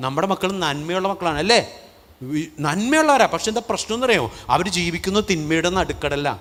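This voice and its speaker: A priest preaching a fervent sermon, often firing questions at the congregation and rising to passionate peaks. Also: male voice, sits high, lively intonation, a little fast, a bit bright, long reverb tail. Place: church.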